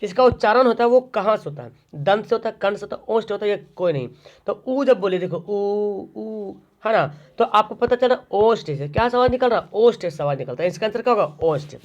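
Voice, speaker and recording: A man's voice: high-pitched, expressive, fast. A man teaching an online exam-prep grammar lesson, asking questions and answering them himself. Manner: drills by asking and answering his own questions. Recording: dull lo-fi recording.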